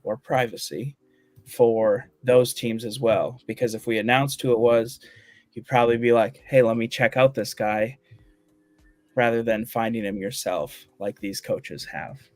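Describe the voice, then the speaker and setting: A man's voice: medium pitch, measured pace, dry recording, faint music behind. A man hosting a live online show, talking casually with fillers and jokes. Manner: relaxed, joking, many fillers. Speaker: host. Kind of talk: casual live-stream chat.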